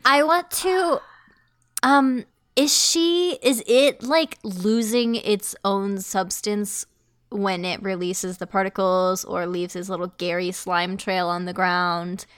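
A woman's voice: medium pitch, steady tone, slow pace, clear, resonant tone, no room sound, clean studio sound. A woman playing a tabletop game, asking curious questions full of fillers. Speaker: player.

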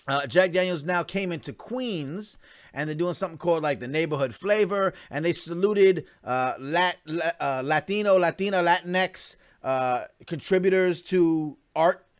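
A man hosting a casual solo podcast, talking fast and animated about local events, with lots of fillers and restarts. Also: fairly high pitch, smooth. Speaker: podcast host.

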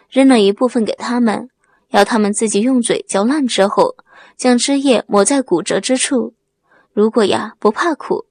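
A woman tells a serialized story in a steady, even-paced reading voice. Her tone is slightly husky and sits a bit high. The recording is dry and close, with no room sound. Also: no room sound. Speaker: narrator. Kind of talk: storytelling audiobook narration.

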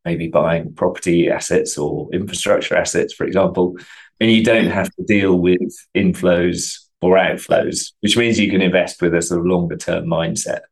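A man's voice: low-pitched, gravelly, low-quality recording. A man giving explanatory answers as an expert guest in a remote interview. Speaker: interview guest, portfolio manager. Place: remote video call.

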